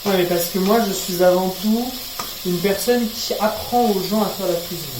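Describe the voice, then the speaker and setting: A man's voice: high voice, normal speed, background noise. A young man vlogging while cooking at home, rambling chaotically with self-mocking, swearing asides. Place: home kitchen. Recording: echoey kitchen with sizzling pan. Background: frying and sizzling food, stirring.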